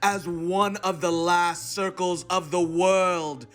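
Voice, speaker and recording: Man acting as aggrieved male hobbyist, hammy stage-actor delivery, high voice, indignant online rant read dramatically, music behind. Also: fairly even intonation, takes it slowly, a bit bright. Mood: impassioned, fed up. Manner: reads punctuation marks aloud. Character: angry, aggrieved male board game hobbyist ranting online. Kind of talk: dramatic reading of an online comment.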